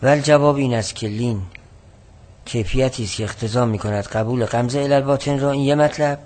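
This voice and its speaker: A man giving a lesson on a classical text, explaining word meanings and reading passages slowly and more loudly. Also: mid-range voice. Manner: explanatory, reads Arabic text slowly and louder. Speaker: teacher.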